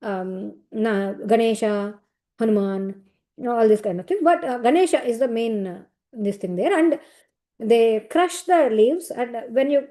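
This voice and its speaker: A woman's voice: on the high side, warm tone. A woman telling and explaining scripture stories, with a digressive, filler-heavy style. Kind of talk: storytelling lesson.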